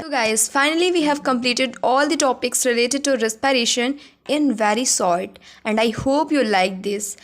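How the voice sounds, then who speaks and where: A young woman explaining a school biology lesson, addressing students directly and mixing English terms into her Hindi. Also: a little high. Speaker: teacher.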